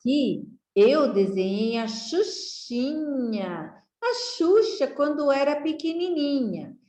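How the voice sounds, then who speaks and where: A Brazilian woman teaching young children to read, drilling syllables slowly and asking them friendly questions. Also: high-pitched, very animated, warm tone. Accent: Brazilian Portuguese. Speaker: literacy teacher. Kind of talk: slow, clearly enunciated lesson for young children. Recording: echoey room.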